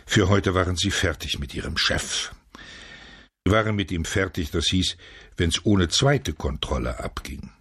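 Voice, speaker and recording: A man reading a novel aloud as scripted narration, measured and steady, switching to loud shouts for quoted lines. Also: low-pitched, slightly rough, no room sound, clean studio sound. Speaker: audiobook narrator.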